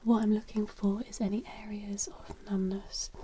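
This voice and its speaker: A woman whispering softly as a clinician giving gentle instructions during an ASMR medical exam roleplay. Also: medium pitch, level tone, normal speed, a little hiss or hum. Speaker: examining clinician.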